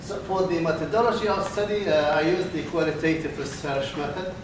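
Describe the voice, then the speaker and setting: A male conference presenter whose first language is Arabic gives an academic research presentation in a conference hall. His slightly high voice is hesitant and halting, with frequent filler pauses. A distant mic captures him in the echoey, reverberant hall, along with background noise.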